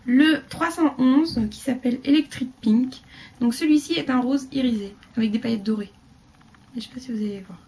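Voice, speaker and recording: A woman chatting casually through a beauty haul video, rambling with fillers and dropping into quiet asides. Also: high-pitched, moderate pace. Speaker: beauty vlogger.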